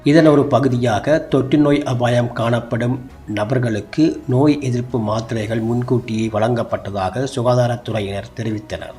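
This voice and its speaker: A man's voice: mid-range voice, fairly even intonation, normal speed, mellow. A man with a Sri Lankan Tamil accent reading scripted news in a formal manner. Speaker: news reader. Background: music.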